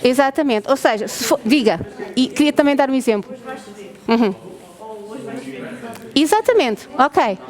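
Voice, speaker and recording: Researcher, female, European Portuguese accent; high-pitched, explains patiently to visitors and keeps asking "ok?". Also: animated, measured pace, pauses often, darkish tone. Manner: asks the audience questions, checks with "ok?". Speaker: researcher presenting a lab.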